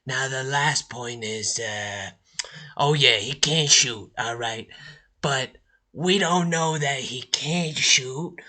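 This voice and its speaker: A man's voice: mid-range voice, sharp tone, heavily acted. A man voicing a blustery middle-aged uncle, lecturing about basketball in a voicemail, folksy and preachy, repeating "all right?" and "look". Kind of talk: phone voicemail comedy rant.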